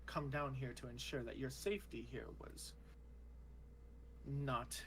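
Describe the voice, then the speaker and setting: A man's voice: mid-range voice, steady tone, a little slow, slight background noise, natural voice. A man playing a deferential armored holy warrior in a tabletop role-play, formal, courtly and hesitant.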